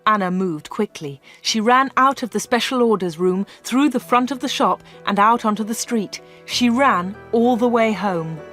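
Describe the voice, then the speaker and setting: A woman reading a graded story aloud in a clear, steady storytelling manner. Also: fairly high pitch, moderate pace, few pauses, faint music behind. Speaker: audiobook reader.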